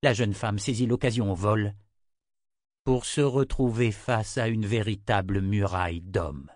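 A man with a fairly low voice reads a fantasy audiobook in a steady, measured tone. The sound is dry and close, with no room around it. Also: dry recording. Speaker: narrator. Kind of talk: audiobook narration.

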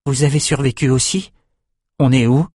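An earnest young swordsman, brave and eager, his voice lifted well above the reader's low register, put on by a male narrator. Dry, close sound with no room around it. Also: fairly even intonation, moderate pace, a little mellow, slightly rough, no room sound, lightly acted.

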